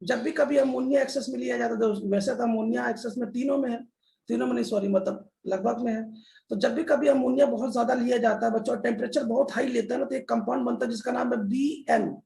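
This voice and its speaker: A man's voice: very high-pitched, steady tone, fast, creaky, mellow. A man teaching a chemistry lesson in a classroom style, repeating key terms and often addressing the children. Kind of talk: classroom lecture. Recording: echoey room.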